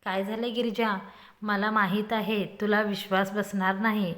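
A woman's voice: mid-range voice, fairly even intonation, normal speed, natural voice. A woman voicing a playful, scheming young man who talks in a teasing, mock-dramatic way.

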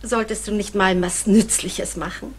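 An actress playing a fussy, well-off middle-aged mother in a 1960s TV series, gently scolding. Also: mid-range voice, steady tone, moderate pace, slightly rough, lightly acted. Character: fussy well-off mother, golf-club type.

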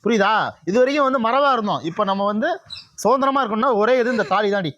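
A man's voice: high voice, fast, a bit bright, dull audio, a little hiss or hum. A man acting in a short drama as a young man who insists on marrying the woman he loves, coaxing and repeating himself. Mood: insistent. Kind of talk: short social drama skit.

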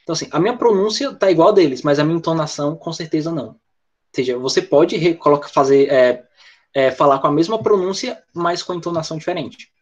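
A Brazilian man with a slightly high voice teaches an English lesson over a video call, explaining things step by step and answering students by name. The audio is dull and lo-fi. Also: fast talker. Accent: Brazilian Portuguese. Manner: explanatory, talks with students by name and reads the chat. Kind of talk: online class lecture.

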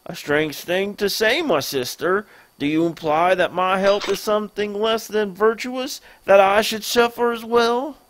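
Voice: medium pitch, unhurried, hardly any pauses, fairly bright tone, slight background noise, natural voice. A player doing a smug Southern merchant villain. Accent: put-on Southern US. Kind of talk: let's-play voice acting.

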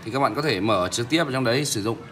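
A man casually demonstrating a phone app as a vlog host, speaking haltingly with many pauses. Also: mid-range voice, noisy background. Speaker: tech vlogger, host.

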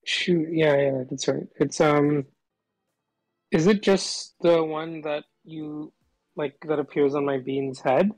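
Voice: medium pitch, steady tone, slow, darkish tone, no echo, soft background music, rough recording. Disguised voice through a voice changer. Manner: chatty, rambling, filler-heavy. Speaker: caller. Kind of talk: casual phone chat.

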